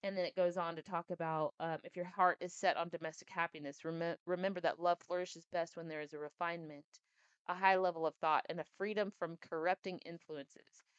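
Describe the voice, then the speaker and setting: Low, smooth-voiced woman reading aloud. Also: fairly quick, dry recording, lo-fi sound. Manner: chatty, animated asides between reading. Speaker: podcast host reading and commenting. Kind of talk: book reading with casual commentary.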